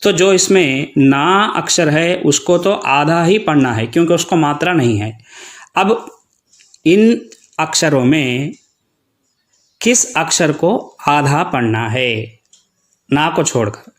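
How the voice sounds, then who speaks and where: A man's voice: fairly high pitch, expressive, slow pace, long pauses. A man teaching children Hindi pronunciation, patiently reading out word lists one by one.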